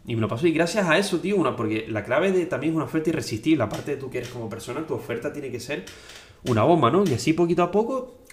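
A young man from Tenerife in his twenties, talking excitedly in a casual motivational vlog and dropping slang fillers as he goes. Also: on the high side, quick pace. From Tenerife, Spain. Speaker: online coach and affiliate marketer. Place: indoors at home. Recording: echoey room.

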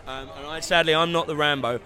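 A man with an English accent, an actor from London, chatting in an outdoor red-carpet interview with relaxed, dry humor. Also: a little high, quick pace. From London, England. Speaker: actor, guest. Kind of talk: casual interview chat.

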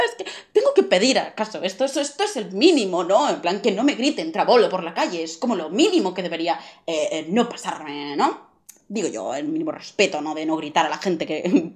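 A young woman hosting her own podcast, venting in an exasperated rant with sarcastic asides. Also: fairly low pitch. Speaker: podcast host. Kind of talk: venting monologue.

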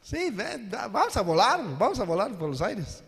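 A bumbling, stammering churchgoer, played by a preacher in his sermon, tosses off invitations to church as if they were jokes. The voice sits very high for a man. A long hall reverb trails behind every line. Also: sing-song, moderate pace, creaky, fairly bright tone, full character voice. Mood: flippant. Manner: rambling, stammering, jokey invitations. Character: bumbling male churchgoer inviting people flippantly.

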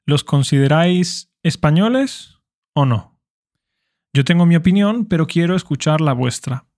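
A man from Spain with a Spanish accent, reading listener questions aloud and answering them in a clear, explanatory way. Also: fairly high pitch, expressive, a little slow, a little mellow, dry recording, clean studio sound. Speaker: Spanish teacher podcast host.

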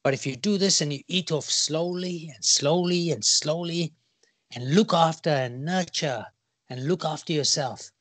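Enthusiastic husky-voiced man, says "mate". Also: on the high side, a little slow, fairly bright tone, dry recording. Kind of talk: casual chat.

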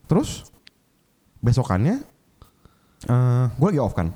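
A man in casual conversation, telling a lively story about his work as a chef and mixing English phrases into his speech. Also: medium pitch, slow pace. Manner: animated, mixes English into speech. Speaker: chef guest.

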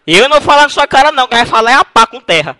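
High animated man prank calling. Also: rapid-fire, dry recording. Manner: teasing, mock-innocent, playful chanting. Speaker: prank caller. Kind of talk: prank call comedy.

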